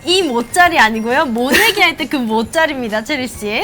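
A woman's voice: high voice, lively intonation, moderate pace, bright, forceful tone, faint music behind. A woman hosting a live show, explaining things in a polite, playful chat and addressing the viewers directly.

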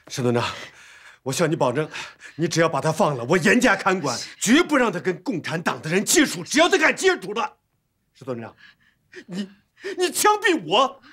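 A man's voice: fairly high pitch, a bit bright, breathy edge, full character voice. Period TV drama: a deferential, fretful father in his fifties. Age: 50s. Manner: nervous, deferential, stammering. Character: anxious wealthy father bargaining for daughter.

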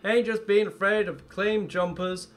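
A batty old prospector from a video game, acted out by a man, drawls in an exaggerated folksy way. He is cackling and rustic, recorded on a livestream with clear background noise. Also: sits high, steady tone, a little slow. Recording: noisy livestream with game ambience.

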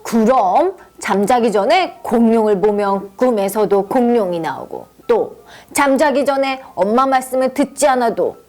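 A woman's voice: on the high side, lively intonation, measured pace, a little mellow, faint music behind, voice pushed down. A woman voicing a father in a children's story who gives his son a gift and explains it in a teasing way. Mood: playful. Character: kind, playful storybook dad.

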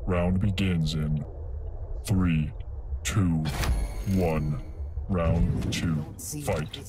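An actor playing a commanding arena combat announcer in a video game, calling out match events in terse, emphatic, deliberate phrases like a fighting game announcer. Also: male voice, low-pitched, fairly even intonation, heavy background noise. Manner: slow, deliberate, emphatic delivery. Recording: game audio under loud gunfire effects.

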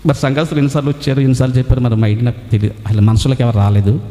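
A man's voice: mid-range voice, flat delivery, rapid-fire, mellow, long reverb tail. A man preaching a sermon as a pastor, who asks rhetorical questions and answers them himself, with frequent hallelujahs.

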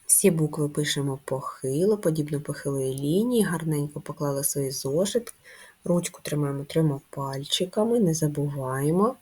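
A woman teaching young children to write letters, speaking slowly and gently with clear instructions. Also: low voice, lively intonation. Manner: slow, gentle and instructive, addressing young pupils. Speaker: primary school teacher. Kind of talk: children's handwriting lesson.

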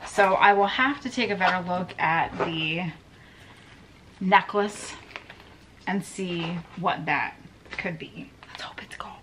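A woman's voice: lowish voice, slow pace, pauses often, background noise. A woman in her thirties chatting wryly to the camera as she digs through a storage unit, thinking aloud about each find. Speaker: storage unit reseller vlogger. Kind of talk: casual narration while sorting items. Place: metal storage unit, indoors.

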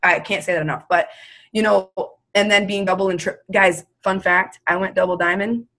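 A young woman in casual conversation, talking with emphatic, motivating energy and a loose habit of swearing. Her voice sits at a middle pitch for a woman, and she pushes her points hard. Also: fairly even intonation, moderate pace, fairly bright tone. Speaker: guest. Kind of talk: casual chat.

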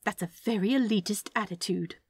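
In a clean studio recording with no room sound, a woman reads from a fan fiction storybook, voicing a prim, doting male angel. Her mid-range voice moves fairly quickly with a breathy edge, and the character comes across as fussy and polite, cooing and tutting in a scolding mood.

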